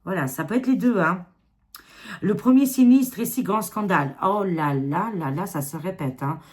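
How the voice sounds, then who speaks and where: Speaking at a moderate pace in a fairly low voice, this tarot reader with an Albanian accent addresses the camera casually. She sounds tired, rambles, and leans heavily on fillers, especially a recurring "hein."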